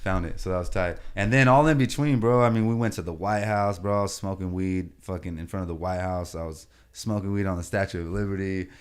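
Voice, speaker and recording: This is a man with a deep voice chatting as a podcast guest, easygoing and full of slang. His tone comes across smooth and resonant, and he keeps checking in with his listener as he tells his stories. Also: steady tone, brisk, few pauses. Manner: laid-back and slangy, fills talk with "you know what I mean" and "bro". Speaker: podcast guest, comedian and content creator. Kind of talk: casual storytelling chat.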